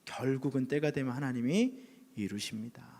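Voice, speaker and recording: A man's voice: mid-range voice, normal speed. A male pastor who preaches a sermon by telling a story, acting out the people in it and sometimes dropping to a whisper. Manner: animated, acts out voices and drops to a whisper at times. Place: church sanctuary. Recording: long church reverb.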